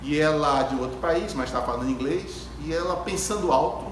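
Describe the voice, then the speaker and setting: Speaking at normal speed in a higher-than-average register, this Spiritist lecturer tells stories to an audience in an ecumenical hall, stressing points by repeating phrases and posing rhetorical questions. His talk is reflective and spiritual. A phone camera at a distance captured it, so the hall echoes and background noise is clearly audible.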